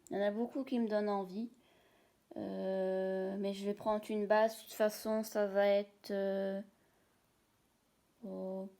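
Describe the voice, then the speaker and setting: At home indoors, a woman shows off her shopping finds in a casual, rambling video, chatty and full of hesitations. Her medium-pitched, mellow voice barely moves in pitch, and she speaks slowly with long pauses.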